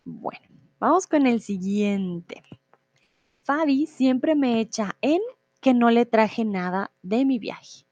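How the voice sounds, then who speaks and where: A woman's voice: on the high side, animated, slow pace, a little mellow, no room sound, lo-fi sound. A woman teaching Spanish on a live stream, explaining expressions patiently and reading out viewer comments. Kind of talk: live-streamed language lesson.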